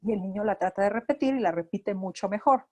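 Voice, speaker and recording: Una mujer con acento mexicano, terapeuta auditivo-verbal, da una clase a residentes y explica con ejemplos prácticos. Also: female voice, mid-range voice, quick pace, darkish tone. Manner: explanatory, acts out examples of talking to children. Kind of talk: lecture.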